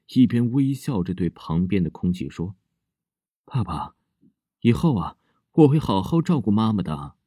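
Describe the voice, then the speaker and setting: Deep-voiced man narrating a ghost story. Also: breathy edge, dry recording, clean studio sound. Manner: hushed and suspenseful. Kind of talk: scripted horror story narration.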